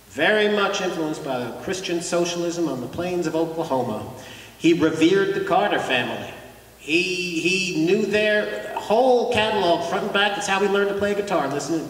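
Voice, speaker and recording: A man's voice: fairly high pitch, fairly bright tone, recorded from a distance. Wry man lecturing in an echoey church. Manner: wry, conversational storyteller. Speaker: lecturer and folk performer. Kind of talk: live documentary lecture. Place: church, indoors.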